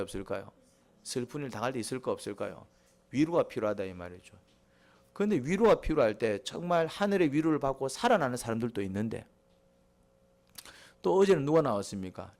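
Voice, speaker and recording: A middle-aged male pastor, preaching a sermon, asking the congregation questions and answering them himself. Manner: swings between quiet, low asides and loud, high emphatic lines.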